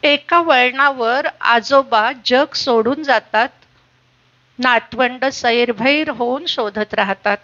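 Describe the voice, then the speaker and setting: A woman narrating a reflective literary reading in a measured way. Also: a little high, bright, forceful tone, muffled recording. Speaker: reader at a literary stage program.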